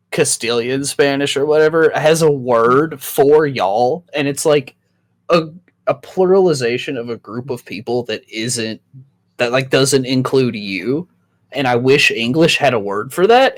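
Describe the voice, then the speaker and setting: A man with a Kentucky accent, chatting casually and explaining his points in a relaxed way. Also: medium pitch. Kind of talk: casual chat.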